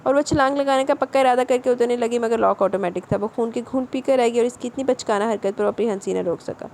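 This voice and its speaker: A woman narrating a novel aloud in a steady, even storytelling manner. Her voice sits a little high, and a faint hiss runs under the reading. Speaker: audiobook narrator.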